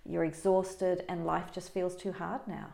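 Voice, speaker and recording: A woman practitioner of Chinese medicine, answering interview questions in an animated, explanatory way. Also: on the low side, measured pace, gravelly, reverberant. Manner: animated, explanatory, does dramatic quoted voices.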